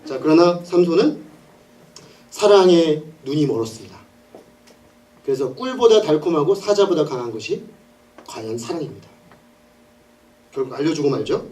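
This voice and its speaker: A male pastor preaching an animated sermon, telling the story with laughs and acted-out scenes. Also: on the high side, normal speed, long pauses, recorded from a distance.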